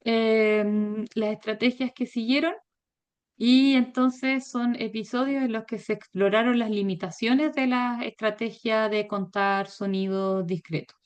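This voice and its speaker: A woman giving a virtual academic lecture, measured and hesitant, with frequent fillers. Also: a little high, steady tone, clean tone. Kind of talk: academic presentation. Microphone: video call.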